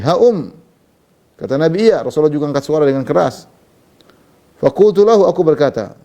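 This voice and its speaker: A man delivers a hadith lesson at a quick clip, his voice pitched a little high yet mellow. He moves between recited Arabic lines and easy, filler-laced explanation. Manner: reads Arabic text then explains in Indonesian, conversational with fillers. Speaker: Islamic preacher. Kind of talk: sermon commentary on hadith.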